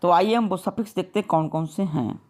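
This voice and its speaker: A woman teacher giving a grammar lesson. She drills lists of words, reads the rules out slowly word by word, and keeps checking with "clear?". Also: lowish voice, a little mellow. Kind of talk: grammar lesson, mixing Hindi and English.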